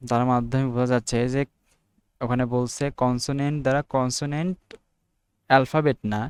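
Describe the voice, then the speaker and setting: A young Bangladeshi man talks through his notes in an unedited study video, reading English definitions out slowly, a word at a time. His voice is smooth and clear, recorded close and dry with no room sound. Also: medium pitch, no room sound. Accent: Bangladeshi Bengali. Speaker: student making study videos. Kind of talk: informal unedited study lesson.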